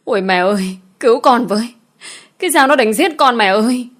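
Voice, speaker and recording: A woman's voice: lively intonation, brisk. A woman voicing a beaten girl who wails and screams for her mother. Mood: panicked. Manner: shrill wailing cries.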